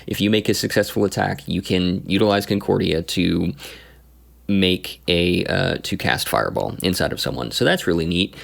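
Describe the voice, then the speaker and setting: A man recounting his tabletop campaign as game master, in a casual, halting way with many pauses and restarts. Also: low-pitched, vocal fry, a bit bright. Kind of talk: casual story recap.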